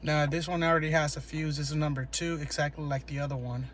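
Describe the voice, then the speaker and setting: In this unscripted how-to, a man presenting a DIY car tutorial walks through a repair one step at a time, stopping and starting and restating directions. His slightly high voice stays steady and fairly bright, while noticeable background noise and clicks mark the amateur recording.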